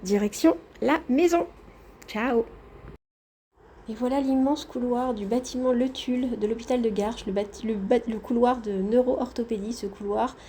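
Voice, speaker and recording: A woman's voice: a little high, moderate pace, mellow, a little hiss or hum. A woman vlogging casually from a hospital room, chatting directly to her viewers on a handheld phone. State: tired after anesthesia. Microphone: phone held in hand.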